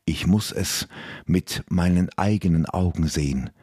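A man's voice: low voice, measured pace, dark tone, slightly rough, dry recording, studio quality. A man voicing a distraught young elf woman who speaks with urgent resolve. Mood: resolute.

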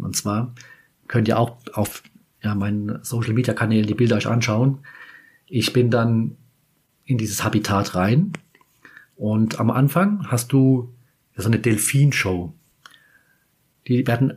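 Husky guy from kaiserslautern rambling thru a story on his podcast, keeps restarting his sentences. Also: mid-range voice, a little mellow. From Kaiserslautern, Germany. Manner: chatty, meandering, self-correcting. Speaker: podcast host. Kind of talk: casual storytelling anecdote.

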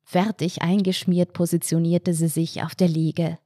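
Mellow low-voiced woman narrating. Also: flat delivery, a little slow, no room sound, studio quality. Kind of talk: scripted story narration.

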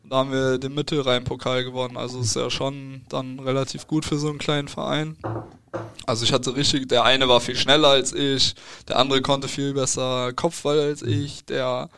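A young man, a football player, answering interview questions in a relaxed, hesitant way with fillers and restarts. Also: medium pitch, moderate pace.

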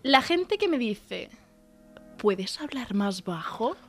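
A young woman co-hosting a casual chat, ranting loudly and with animation about her pet peeves. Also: a little high, sing-song, takes it slowly, soft background music. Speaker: podcast co-host.

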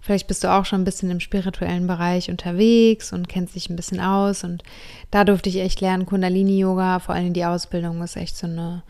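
A woman's voice: fairly low pitch, level tone, fairly quick, a little mellow. A woman in her thirties, a yoga teacher hosting her own podcast, telling her life story in a heartfelt, enthusiastic way and sprinkling in English words. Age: 30s. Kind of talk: personal storytelling monologue.

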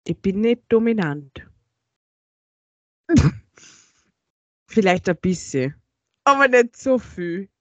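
A woman's voice: mid-range voice, lively intonation, takes it slowly, long pauses, no echo, lo-fi sound. A woman co-hosting a podcast in casual chat, giggly and teasing with flirty jokes. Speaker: podcast co-host.

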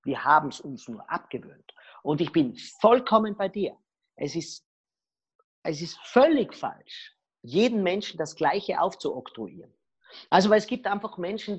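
A middle-aged woman speaking as a guest expert on body language, telling lively stories full of acted quotes. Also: lowish voice, breathy edge, lo-fi sound. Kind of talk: podcast interview.

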